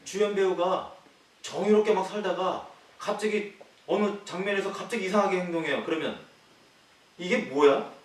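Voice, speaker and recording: A male pastor preaching a sermon, posing rhetorical questions to the congregation and swinging between loud emphatic lines and quiet low ones. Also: brisk. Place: church sanctuary. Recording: echoey hall, distant mic, faint hiss.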